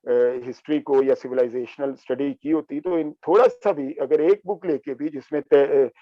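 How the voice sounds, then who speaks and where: A man giving a reflective talk full of anecdotes, pausing often with filler sounds and slipping in English terms. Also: mid-range voice, no echo. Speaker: speaker on books and reading. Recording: dull lo-fi sound.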